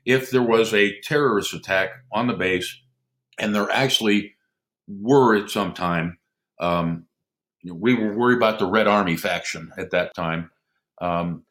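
A middle-aged man, a former airman, telling lively anecdotes in a casual conversation and chuckling often. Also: fairly low pitch, measured pace. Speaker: podcast guest, former military airman.

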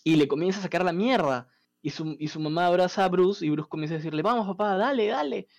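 A man, casually retelling a comic story as a podcast host, animated and profane. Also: a little high, quick pace.

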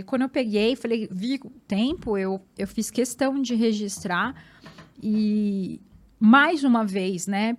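A woman with a Brazilian Portuguese accent, a guest and marathon runner, telling her story in an animated, emphatic way and often repeating words. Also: on the high side. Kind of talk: personal storytelling in conversation.

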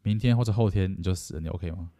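Fast-talking low-voiced man. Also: warm tone. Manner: reasoning, argues in logical steps. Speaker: podcast co-host. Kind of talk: casual podcast chat.

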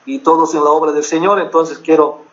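A middle-aged man with a high voice preaches to his congregation, earnest and repetitive, stopping often to ask whether they follow. The recording is dull and lo-fi. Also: steady tone, a little fast. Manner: earnest, repetitive preaching with frequent check-in questions. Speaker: pastor. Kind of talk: sermon.

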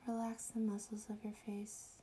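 A woman leading a guided meditation in a soft, breathy, often whispery voice, soothing and hushed like at a spa, with long pauses. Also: mid-range voice, monotone.

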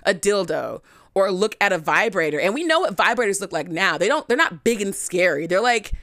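A young woman hosting a podcast, telling a candid personal story in a frank, chatty way, full of "like" and animated swings in pitch. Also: a little fast, dry recording, studio quality. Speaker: podcast host.

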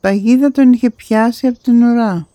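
A woman narrating a fairy tale in an expressive storytelling manner. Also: fairly high pitch, dry recording. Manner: expressive, rising on key moments.

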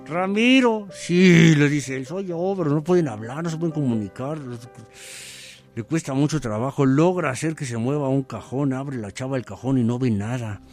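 Mexican man hosting a live podcast, casual slangy storyteller, mid-pitched. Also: brisk, mellow, faint music behind. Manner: slangy, playful, digressive. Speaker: radio podcast host.

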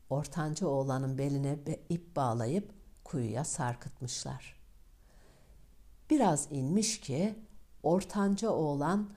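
A woman narrating a fairy tale in a calm, measured reading. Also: low voice. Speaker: storyteller.

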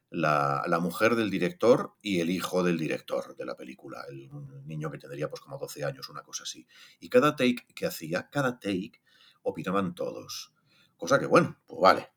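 A man, a voice actor chatting casually in an interview, animated and self-deprecating with casual swearing. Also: extremely low pitch, breathy edge. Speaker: voice actor guest.

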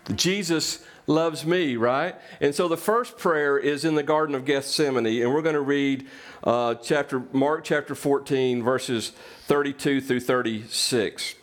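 A man's voice: mid-range voice, a little slow. A man preaching a sermon as pastor, earnest and repetitive, building phrases one on another.

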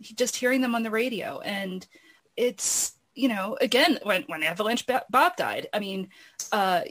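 Mid-pitched woman in casual, rambling chat. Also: lively intonation, unhurried, fairly bright tone.

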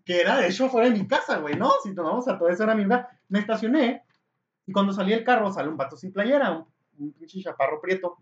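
A young Mexican man tells a story in an animated, lively voice, heavy with crude slang. His pitch swings widely from line to line. The sound is dull and lo-fi, in an echoey room. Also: fast. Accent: Mexican Spanish. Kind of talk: casual storytelling chat.

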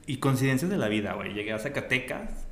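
Expressive and a little fast, this interview guest's mid-range voice comes across creaky and fairly bright. He speaks with a Mexican accent, telling personal stories in slangy, casual conversation and peppering it with "güey," against a roomy echo and faint ambience.

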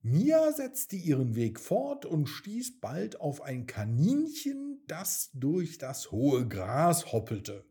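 A man narrating a children's story in a gentle storytelling manner. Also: on the high side, wildly swooping pitch, takes it slowly, few pauses. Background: soft background music.

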